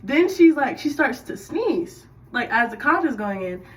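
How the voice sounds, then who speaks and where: Woman storyteller, casual, lively, sits back from the mic, voice on the higher side. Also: moderate pace, far from the mic, low-quality recording. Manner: chatty and animated, with sudden loud bursts. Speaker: radiology tech telling a work story. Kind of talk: casual storytime while doing hair.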